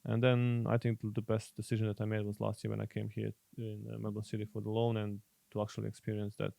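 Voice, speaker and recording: A young Croatian man speaks English with a Croatian accent, stopping and repeating words as he hunts for them. His low, gravelly voice stays flat and even. The sound is dry and close to the mic. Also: no echo. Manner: halting, repeats words while searching for English. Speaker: guest footballer. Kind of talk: casual podcast chat.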